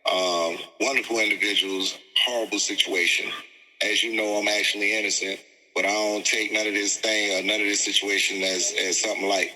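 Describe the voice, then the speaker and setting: A man, an interview guest who speaks in a measured, halting way and searches for words. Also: fairly low pitch, little pitch movement, sharp tone, big-room sound, poor audio. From Miami, Florida. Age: 40s. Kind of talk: conversational interview.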